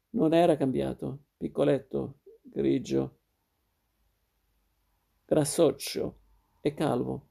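A man narrating a literary short story in a steady, measured reading. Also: medium pitch, gravelly.

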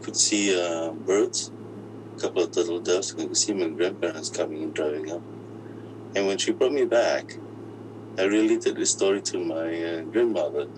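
A man whose voice has been disguised and pitched deep, telling his own story in an interview, halting and often restarting his words. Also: noisy background. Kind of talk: personal account in an interview.

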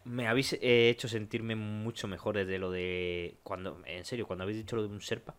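A man's voice: on the low side, fairly even intonation, a little fast, smooth. Man, co-host, throws in dry jokes and casual swearing. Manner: wry, joking interjections, swears casually. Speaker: podcast co-host. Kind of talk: casual chat.

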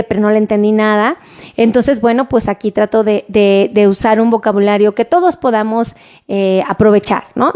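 On a casual live stream, a female doctor speaking with a Mexican Spanish accent reads out phone numbers slowly and gives thanks to viewers by name. Her pitch is fairly high, with a slightly mellow quality.

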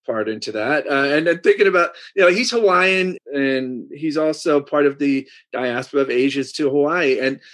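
A man's voice: fairly high pitch, moderate pace, hardly any pauses, a bit bright. Hesitant man musing on a panel. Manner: hesitant, searches for names with fillers. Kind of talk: discussion, thinking aloud.

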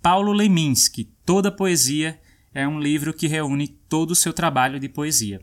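A man hosting a language lesson, explaining and demonstrating pronunciations clearly. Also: on the high side, moderate pace. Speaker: host.

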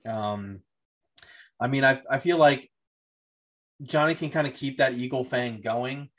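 A man's voice: mid-range voice, a little slow, fairly bright tone. A man talking in a casual vlog, rambling and hesitant, with many fillers and restarts as he thinks aloud. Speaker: YouTuber reviewing a TV series. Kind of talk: casual spoken vlog commentary.

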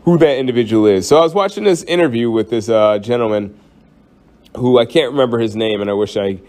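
On his casual solo podcast, a man with a medium-pitched, slightly mellow voice talks fast. He rambles and jokes, frequently restarting sentences and dropping in fillers.

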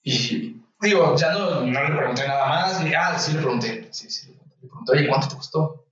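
A young Mexican man, a medical student, telling a story casually and lively, acting out the voices of the people in it. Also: a little high, normal speed, recorded from a distance. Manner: animated, acts out voices in anecdotes. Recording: echoey room, voice off-mic, slightly dull.

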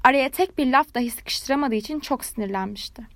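A woman reading a fairy tale aloud in a measured, lively storytelling manner. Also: sits high, no room sound.

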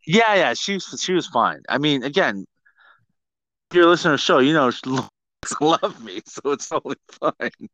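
A middle-aged man hosting a podcast, telling stories casually and comically in a sweary, self-mocking, animated way. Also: fairly high pitch, normal speed, no room sound, highs cut off. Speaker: podcast host.

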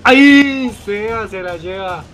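A man in casual podcast banter, playful and teasing with quick exclamations. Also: high voice, fairly bright tone, soft background music. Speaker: podcast co-host running the game.

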